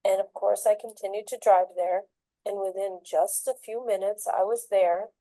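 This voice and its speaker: A woman who is a foster parent, calmly narrating a personal story in a measured way. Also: medium pitch, no room sound, rough recording. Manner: calm, measured reflection.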